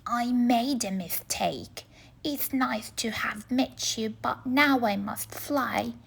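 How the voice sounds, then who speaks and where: A woman's voice: on the high side, takes it slowly, creaky, slightly rough, exaggerated voice. A woman voicing a mean, hungry male dragon in a children's storybook. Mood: apologetic. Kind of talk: children's storybook read-aloud.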